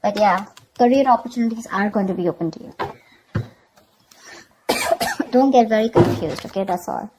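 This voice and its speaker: At a medium pitch and normal speed, pausing often, this tarot channel host has a somewhat dark voice on a rough recording with a little hiss or hum. She improvises a reading, chatting with the viewer and checking in with "okay" and "you know."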